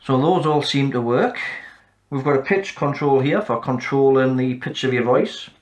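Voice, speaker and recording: A man hosting a repair channel, calmly walking through a fix in a casual, matter-of-fact way and counting off mic checks. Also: mid-range voice, normal speed.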